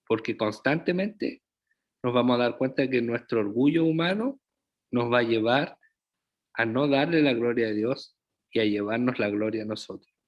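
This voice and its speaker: A muffled recording picks up a man with a mid-range voice preaching as a pastor. He speaks in a slow, deliberate way. He keeps addressing the congregation with rhetorical questions.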